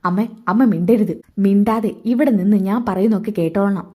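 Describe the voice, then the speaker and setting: A woman's voice: mid-range voice, normal speed, dark tone, husky, close to an everyday voice. A woman voicing a young man who is bitter and insistent with his mother. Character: young man, angry, protective son.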